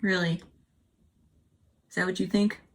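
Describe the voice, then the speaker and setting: Slow, low-voiced woman muttering while painting. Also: level tone, vocal fry, slight background noise. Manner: mutters to herself and her cat, self-mocking. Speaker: hobby mural painter. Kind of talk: casual running commentary while working. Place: indoors at home by a window.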